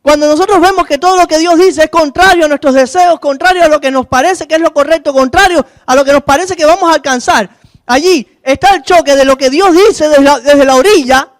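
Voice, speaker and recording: A man's voice: very high-pitched, a little fast, dry recording, studio quality. A male pastor giving a sermon, asking the congregation questions and acting out the voices in the Bible story. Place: church.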